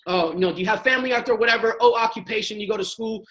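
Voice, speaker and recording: A young network marketing panelist talks rapid-fire in a high-pitched, fairly bright voice. In a casual, slangy motivational training talk on a sales panel, he coaches emphatically and role-plays sample chats.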